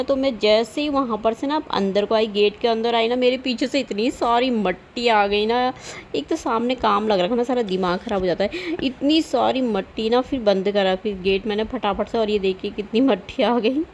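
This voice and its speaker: A woman talks through her day in a relaxed voice-over for her home vlog. She rambles along in a homely, chatty way and keeps tagging little fillers onto her sentences. Her pitch sits in an ordinary middle range, with a faint hiss in the background. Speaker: home vlogger. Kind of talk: casual voice-over vlog narration.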